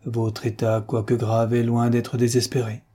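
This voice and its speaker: Man reading as a stern, unctuous priest, husky, mellow, audiobook. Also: medium pitch, monotone, measured pace. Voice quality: oily, smooth-talking and stern. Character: unctuous scheming older male priest.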